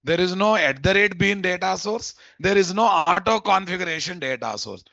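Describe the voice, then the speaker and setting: Man, Telugu Indian accent, coding teacher, slightly high pitch, dry close sound, repeats himself, familiar with learners. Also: animated, moderate pace, creaky, pushed and bright, dry recording, highs cut off. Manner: repeats phrases, checks understanding with questions; informal, addresses learners familiarly. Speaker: programming instructor. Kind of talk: live coding lesson.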